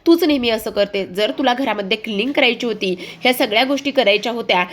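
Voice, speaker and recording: A woman's voice: fairly high pitch, fast, close to an everyday voice. A woman reading a haughty, blaming aunt. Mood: aggrieved. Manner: accusing, complaining. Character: haughty middle-aged woman, quick to blame.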